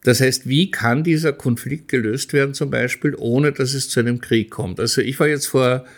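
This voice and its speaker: A man hosting a podcast interview, calmly laying out his points before asking a question. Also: medium pitch, normal speed.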